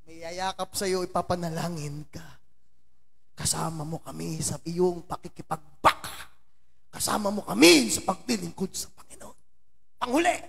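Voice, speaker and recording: High-voiced man preaching in a reverberant church. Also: gravelly, a bit bright, breathy edge. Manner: chatty, teasing asides to congregation members by name. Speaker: pastor. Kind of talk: conversational sermon. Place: church hall. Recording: long church hall reverb.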